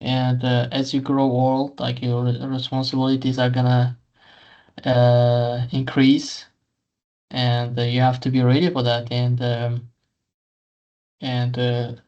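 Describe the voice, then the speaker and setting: A man's voice: mid-range voice, monotone, slow, a little mellow. A man in his early twenties chatting on a podcast, thoughtful and a little hesitant as he speaks. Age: 20s. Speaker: podcast co-host. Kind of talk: casual podcast chat. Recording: dull, muffled lo-fi audio.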